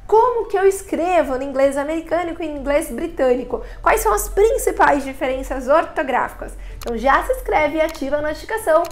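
A woman from Brazil teaches English pronunciation in a relaxed, chatty way. Her voice sits high and bright. She keeps sounding out the vowels as she explains them. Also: brisk, few pauses. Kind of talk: casual video lesson.

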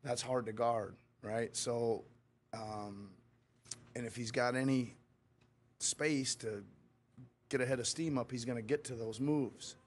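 A man's voice: medium pitch, steady tone, slow pace, long pauses, slight background noise. A middle-aged man speaking as head coach at a post-game press conference, talking candidly and rambling, with frequent restarts, into a table mic in a press room. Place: press room before a sponsor backdrop. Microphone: table mic in front of him.

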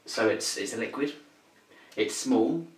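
A man's voice: mid-range voice, expressive, measured pace. A young man co-hosting a casual biology revision lesson, explaining in a chatty, jokey way. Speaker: revision video co-host. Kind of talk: casual tutoring chat. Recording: echoey room, mic far off, faint hiss.

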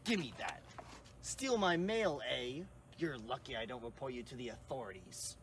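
A man voicing a gruff, grumbling male chocolate salesman with a gravelly, drawn-out delivery. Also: mid-range voice, animated, far from the mic, voice pushed down, close to an everyday voice. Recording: loud background noise.

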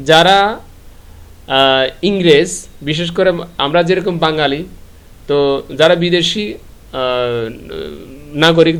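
A man's voice: on the high side, clear, resonant tone. Bangladeshi man teaching grammar, self-answering. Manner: asks questions and answers them himself. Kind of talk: live online grammar lesson.

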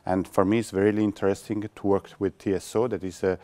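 A low-voiced Italian man in his thirties speaks English with a clear Italian accent. He pauses often with fillers as he searches for words, in a classroom interview. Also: flat delivery, mellow. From Italy. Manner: hesitant, many fillers. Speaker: course participant. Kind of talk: testimonial interview.

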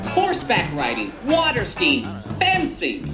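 An actor playing a perky, oblivious college official making singsong announcements over an echoing public-address system. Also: male voice, very high voice, huge pitch swings, measured pace, music in the background, full character voice. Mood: chirpy. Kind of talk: intercom announcement in a sitcom.

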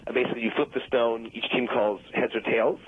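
A man's voice: mid-range voice, flat delivery, quick pace, husky. Rambling man on a tinny phone line. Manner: rambling, insistent, flustered when ignored. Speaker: phone-in guest. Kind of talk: comedic phone conversation. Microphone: telephone.

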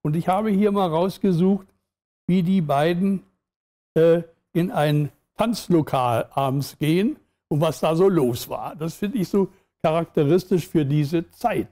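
Slow, mellow-voiced male book reader. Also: fairly high pitch. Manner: slow, deliberate, with fillers. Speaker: literature show host. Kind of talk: book talk and reading aloud.

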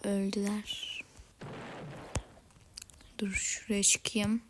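A woman giving casual commentary while playing a video game, swinging between whispered muttering and excited shrieks. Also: mid-range voice, drawn-out words. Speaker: gamer. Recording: noisy home recording.

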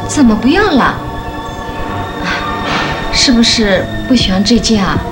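No-nonsense mom, brisk and matter-of-fact, old vhs tape sound, echoey room with music under it. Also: female voice, on the high side, lively intonation. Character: practical, no-fuss mother of two teens. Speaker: mother.

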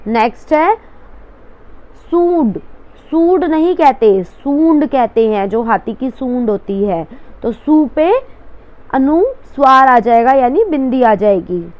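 A woman's voice: fairly high pitch, lively intonation, measured pace, muffled recording. A woman teacher explaining a worksheet to children step by step, patiently repeating each word.

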